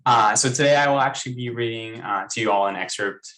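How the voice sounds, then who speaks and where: A man's voice: medium pitch, fast talker, fairly bright tone, low-quality recording. A young man raised in Maryland, speaking on an online panel and then earnestly reading a book excerpt aloud over a video call. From United States (raised in Maryland).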